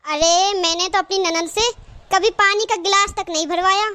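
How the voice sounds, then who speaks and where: A woman's voice: very high voice, fairly even intonation, normal speed, sharp tone. A woman voicing a gossiping middle-aged neighbour woman in a cartoon. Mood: gossipy. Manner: gossipy, agreeing.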